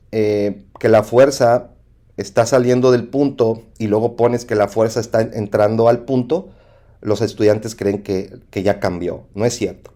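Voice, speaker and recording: Man, Mexican accent, engineering teacher, mellow low voice, checks in often. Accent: Mexican Spanish. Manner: repetitive, asks "¿sí?" to check understanding. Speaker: engineering instructor. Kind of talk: lecture over slides.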